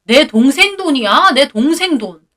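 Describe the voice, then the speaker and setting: A woman voicing a rude, angry middle-aged brother-in-law who shouts and blames others. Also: high voice, animated, measured pace, pitched above the performer's own voice. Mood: angry shouting.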